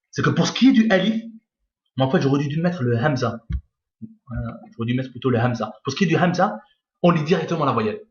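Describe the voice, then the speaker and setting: Patient man teaching with a lo-fi echoey sound. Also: mid-range voice. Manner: patient, repeats each point and checks with "d'accord?". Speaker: Arabic reading teacher. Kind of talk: screen-recorded reading lesson. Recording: lo-fi echoey room.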